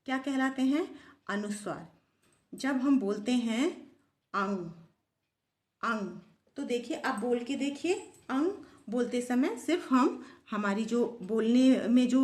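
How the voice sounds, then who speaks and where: A woman teaching a grammar lesson to pupils, asking questions and answering them herself in a steady classroom rhythm. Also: fairly high pitch. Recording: echoey room.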